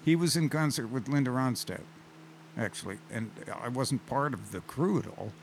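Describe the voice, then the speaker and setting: A man's voice: medium pitch, expressive, a little fast, slight background noise, poor audio. An older man in casual chat, telling rambling concert stories with many restarts. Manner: rambling anecdotes with frequent restarts.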